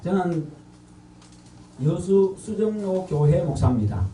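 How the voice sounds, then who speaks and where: Gyeongsang pastor guy, high-pitched, quizzes the crowd, far off in an echoey big church. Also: expressive, slow, noisy background. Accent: Gyeongsang Korean. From North Gyeongsang, Korea. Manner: quizzes the congregation and repeats their answers. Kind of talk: evangelistic sermon with call-and-response. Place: large church sanctuary. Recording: echoey and distant from the mic.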